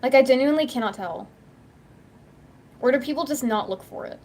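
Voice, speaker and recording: A woman's voice: sits high, brisk, a little mellow, a little hiss or hum. A woman YouTuber chatting casually at home, rambling through stories and acting out quoted dialogue, saying "like" constantly. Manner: rambling storytelling, acts out quoted dialogue, heavy "like" filler. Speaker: YouTuber and livestreamer. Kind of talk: casual chat.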